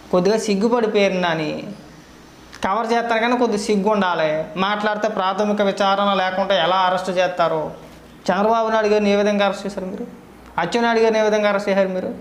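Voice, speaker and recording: A man's voice: high-pitched, echoey room, a little hiss or hum. A man giving a political commentary monologue, scolding with sarcastic rhetorical questions.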